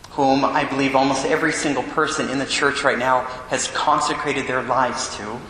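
A priest reading the Gospel and preaching a homily at Mass in a large church, his voice carried by a booming cathedral echo. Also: sharp tone, a little hiss or hum. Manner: earnest, measured preaching. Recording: long echoey reverb in a large church.

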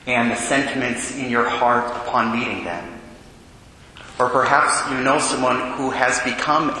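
Echoing cathedral voice of an American priest. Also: male voice, medium pitch, pushed and bright. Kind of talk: Gospel reading and homily. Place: large reverberant church. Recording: echoing cathedral-like reverb, faint noise.

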